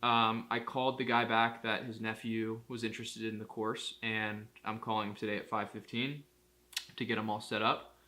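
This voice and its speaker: A man with a somewhat low voice talks casually to camera about running his business. He thinks out loud, restarts sentences, and strings his thoughts together loosely. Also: flat delivery, normal speed. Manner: rambling, thinking aloud with restarts. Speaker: marketing agency owner. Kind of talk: casual day-in-the-life vlog.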